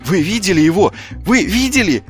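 A man voicing an eager, earnest young guardsman in an audiobook, exclaiming excitedly. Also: on the high side, normal speed, faint music behind, pitched above the performer's own voice.

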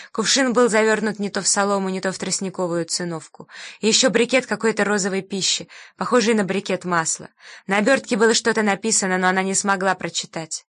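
Woman calmly narrating an audiobook. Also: mid-range voice, no room sound, clean studio sound.

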